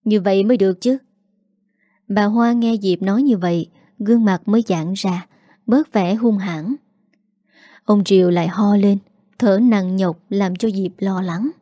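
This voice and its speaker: A woman narrating a family drama story in a steady scripted storytelling manner. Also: mid-range voice, measured pace, no room sound, studio quality.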